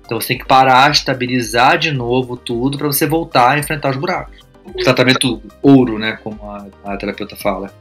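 A man's voice: medium pitch, quick pace, a bit bright, soft background music. A man, co-hosting a podcast, supportive and explaining things with everyday comparisons. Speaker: podcast co-host. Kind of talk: casual podcast chat.

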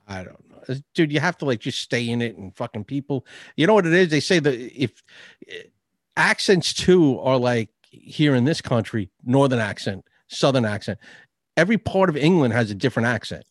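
Give me a blunt New York man in casual podcast chat, animated, with a dry close sound. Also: mid-range voice, normal speed, dry recording. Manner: blunt, swears freely, animated. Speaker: podcast co-host.

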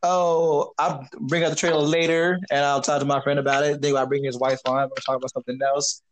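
A man hosts a casual gaming chat with a fairly high voice. He gets worked up quickly, swears freely and trips over his own sentences. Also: slight background noise. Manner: excitable, profane, stumbling restarts. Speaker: podcast host.

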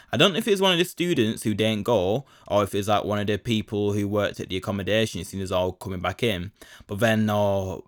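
A man's voice: on the low side, fairly bright tone, no room sound, clean studio sound. A young man telling a rambling story on his podcast, full of slang and fillers. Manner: rambling, slangy, full of fillers and 'do you know what I mean'. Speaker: podcast host. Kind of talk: casual solo storytelling.

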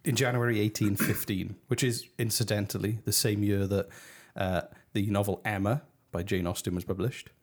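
British guy on a podcast, lowish voice, jokey and laughing a lot. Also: steady tone, moderate pace, hardly any pauses. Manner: jokey, laughs often, many restarts. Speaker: podcast host. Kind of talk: casual podcast chat.

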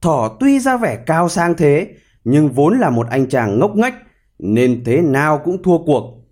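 Animated male storyteller, lively pitch. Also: slow. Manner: expressive, animated reading. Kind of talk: scripted storybook narration.

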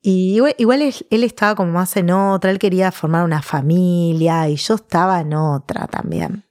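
A woman in her thirties with a Rioplatense Spanish accent, telling personal stories in a casual, animated way during an interview. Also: fairly low pitch, moderate pace, no room sound, studio quality. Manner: chatty, animated storytelling with laughs.

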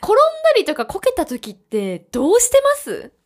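A woman's voice: high-pitched, huge pitch swings, moderate pace, darkish tone. A woman from Hokkaido co-hosting a casual podcast chat, telling stories with playful sound effects and frequent laughter. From Hokkaido, Japan. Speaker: podcast co-host.

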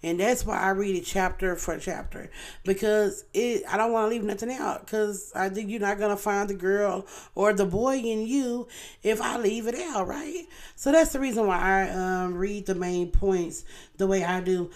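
A woman's voice: mid-range voice, steady tone, normal speed. A woman, a parent, hosting her own online show in a casual, heartfelt talk to her viewers, earnest and chatty, often checking in with her listeners. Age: adult parent. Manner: earnest, chatty, often asks "you know what I'm saying".

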